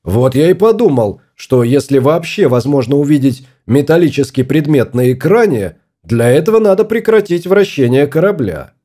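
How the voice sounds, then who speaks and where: A fussy, obstinate husband on a small spaceship, read by a man in his own voice, grumbling over a lost trifle. His voice sits fairly high with lively swings and a mellow, dark tone. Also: normal speed, hardly any pauses. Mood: stubborn.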